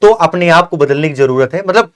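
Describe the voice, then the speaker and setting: A man's voice: on the high side, lively intonation, a little fast. A young man hosting an interview, giving earnest, repetitive advice full of fillers. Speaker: host of a coaching channel. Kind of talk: interview with a successful candidate.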